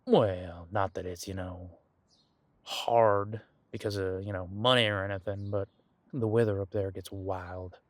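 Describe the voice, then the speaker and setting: In a one-sided audio roleplay, a man with a low voice plays a laid-back demon detective who is thousands of years old and lives on the coast. He speaks a little slowly with fairly even intonation, chatting in a relaxed, folksy, musing way. There's no room sound at all.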